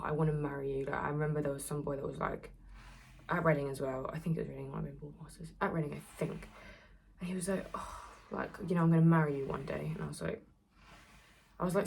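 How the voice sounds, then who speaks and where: Young woman with a low gravelly voice. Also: darkish tone, slight background noise. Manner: chatty, rambling, lots of "like". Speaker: influencer. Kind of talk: casual storytime chat. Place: home, doing beauty routine.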